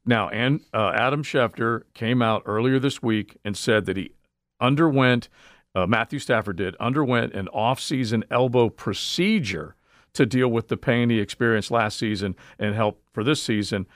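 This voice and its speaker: A man's voice: medium pitch, a bit bright, no echo. Radio sports host guy, medium voice, dry mic, tells stories, cracks jokes. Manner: jokey, storytelling, quick bursts. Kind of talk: casual radio sports chat.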